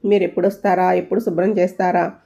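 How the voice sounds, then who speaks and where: A woman's voice: on the low side, little pitch movement, fast talker, vocal fry, dark tone. A woman voicing a sweet, coy young bride. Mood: pleading. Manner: sweet feigned innocence. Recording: dull lo-fi audio.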